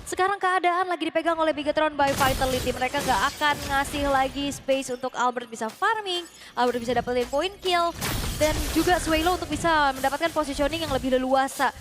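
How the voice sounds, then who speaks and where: A woman's voice: sits high, a little fast, music in the background. A woman with an Indonesian accent, an esports caster, gives flowing, keyed-up analysis of a live match.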